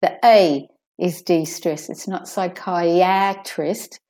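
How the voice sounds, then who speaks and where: A woman teaching pronunciation in an audio lesson, saying each word slowly and twice and marking stressed syllables. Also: lowish voice, dark tone.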